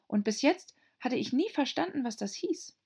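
A woman's voice: high-pitched, expressive, normal speed, vocal fry, a little mellow, slightly rough, voice pushed up, heavily acted. A woman voicing a curious young girl who muses to herself, in an audiobook reading. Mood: wondering. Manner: wondering, musing to herself. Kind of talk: audiobook character voice.

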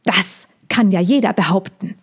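A woman's voice: medium pitch, normal speed, breathy edge, close to an everyday voice. A woman reading a storybook and voicing a stern, territorial male bird who hisses and scolds. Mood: hostile. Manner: hissing, scolding.

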